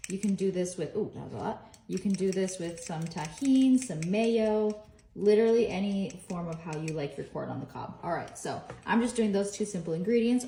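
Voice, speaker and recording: A woman's voice: on the low side, creaky, mellow. A woman giving an upbeat, chatty step-by-step cooking demonstration in a home kitchen. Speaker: cooking vlogger. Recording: roomy echo, faint noise.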